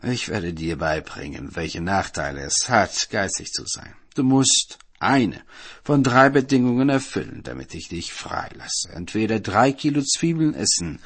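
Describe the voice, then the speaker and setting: A stern old-world judge who lectures and mocks, heard in a storybook folk tale, as a male narrator puts him on. The voice is gravelly and husky, with a lively rise and fall. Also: lowish voice, measured pace, full character voice. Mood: mocking. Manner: lecturing, mocking.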